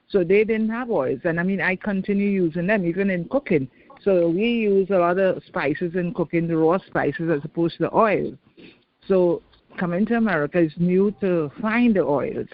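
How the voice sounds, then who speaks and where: An older woman from Trinidad with a Trinidadian accent, calling in with an earnest question. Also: lowish voice. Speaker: caller. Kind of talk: call-in question. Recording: tinny phone line.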